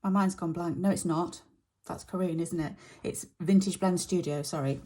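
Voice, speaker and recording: A middle-aged woman talks her way through her stitching in a relaxed, rambling way, full of ums and small pauses. Her voice sits a little low, mellow and dark. It is slightly husky and croaky. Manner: chatty, halting with many fillers. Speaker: stitching vlogger. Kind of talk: casual narration while stitching.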